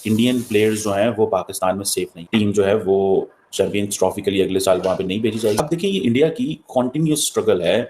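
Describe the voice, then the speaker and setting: A man's voice: fairly low pitch, fast talker, hardly any pauses, darkish tone, slight background noise. A man commenting on a TV segment and explaining his view.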